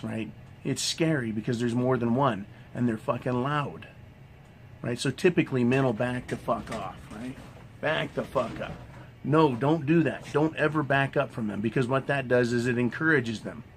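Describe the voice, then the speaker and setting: A man's voice: mid-range voice, a little hiss or hum. A man ranting in a monologue vlog, swearing constantly in a combative tone and tagging "right?" onto his sentences. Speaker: vlogger.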